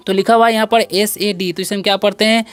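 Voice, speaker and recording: A patient teacher leads a children's English vocabulary lesson, asking a question and then answering it, over and over. The voice is smooth and clear. It sits in a dry, close space with no echo. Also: medium pitch, steady tone, fast talker, soft background music. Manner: patient, repetitive explaining.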